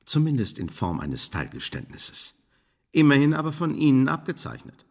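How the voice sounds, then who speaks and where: In a radio play, a male actor portrays a calculating intelligence official, speaking formally, measuredly and officiously with quiet, cool menace. His mid-range voice swings hugely in pitch.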